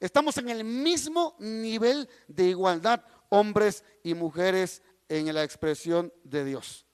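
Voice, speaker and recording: A man's voice: high-pitched, expressive, takes it slowly, smooth, big-room sound. A man teaching a Bible class, reading scripture aloud and explaining it with repeated, emphatic phrases while addressing the listeners directly.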